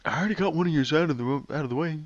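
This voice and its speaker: A man's voice: on the high side, very fast, muffled recording, slight background noise. A man hosting a casual gaming podcast, running a quiz in a playful, teasing way.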